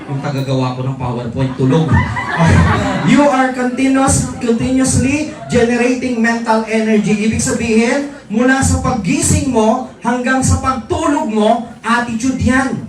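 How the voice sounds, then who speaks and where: High-voiced man addressing a crowd. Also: a little slow, soft background music. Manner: teasing, jokes with the crowd, asks rhetorical questions. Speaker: motivational speaker for distributors. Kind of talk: live motivational seminar talk mixing Tagalog and English. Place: large indoor event hall. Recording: echoey hall from far off, faint crowd. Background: faint audience noise.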